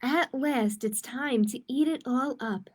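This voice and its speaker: In a live-streamed storytime for young children, an adult woman who works as a children's library host reads picture books aloud with expression and chats informally to viewers. Her voice is high-pitched and husky, with a darkish tone, and she speaks slowly.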